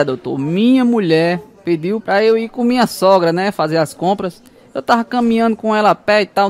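A man telling mother-in-law jokes, chuckling through his punchlines and acting out the voices. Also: sits high. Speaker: stand-up comedian.

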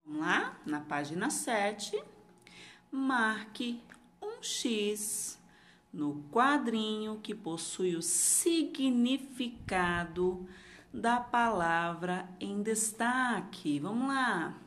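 A woman's voice: mid-range voice, very animated, drawn-out words, fairly bright tone. A Brazilian woman giving a lesson to young children as their teacher, posing questions and answering them. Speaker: primary school teacher.

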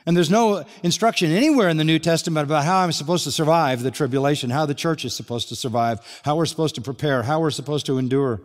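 An older pastor delivers an expository sermon, reading scripture aloud earnestly and emphasizing key points. His voice is on the high side, and he speaks fast with barely a pause. The recording carries the long reverb of a large hall.

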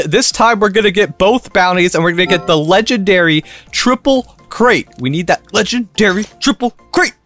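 A man's voice: sits high, a bit bright. A man from Kentucky giving upbeat, jokey gameplay commentary, laughing often. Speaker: gaming YouTuber.

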